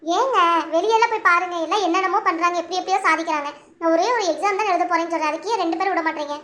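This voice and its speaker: A woman's voice: very high-pitched, very fast, a bit bright. Woman voicing an anxious young cartoon wife. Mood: pleading. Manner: pleading, anxious. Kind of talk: cartoon voice acting.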